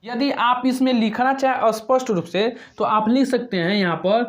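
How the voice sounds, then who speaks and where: A math teacher working step by step through a problem, asking questions and answering them himself, with long pauses between words. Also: medium pitch. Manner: asks and answers own questions. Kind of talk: step-by-step whiteboard lesson. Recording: dull lo-fi recording.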